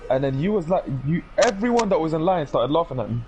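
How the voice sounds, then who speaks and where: A man's voice: a little high, sing-song, fast, background noise. A young man from Lebanon with a London accent, chatting with friends while streaming a game, telling rambling, slangy stories. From Lebanon, raised in Essex and London. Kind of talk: casual chat.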